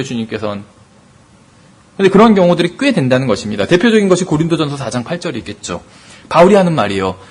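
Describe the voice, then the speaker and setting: Man, pastor lecturing on scripture, high lively voice, brisk delivery. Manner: explanatory, ends points with rhetorical questions. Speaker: pastor teaching Bible study. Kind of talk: Bible study lecture.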